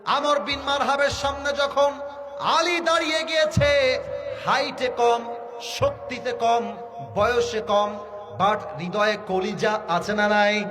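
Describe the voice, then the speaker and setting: A man preaching a sermon to a crowd, calling out questions for the audience to answer and shouting at the high points. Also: takes it slowly, over music. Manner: calls out to the crowd and asks for answers; shouts at peaks, acts out quoted fighters.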